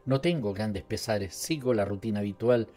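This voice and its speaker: A man's voice: on the low side, moderate pace, mellow, soft background music, lightly acted. A man with a Latin American Spanish accent voicing a troubled, plump middle-aged butcher who talks in an anxious, plaintive way. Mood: worried.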